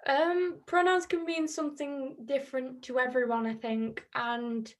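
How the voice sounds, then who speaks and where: A woman with a Yorkshire accent, a musician guesting on a casual podcast, answering gently and thoughtfully in long flowing sentences. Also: high voice, level tone, measured pace. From Northern England.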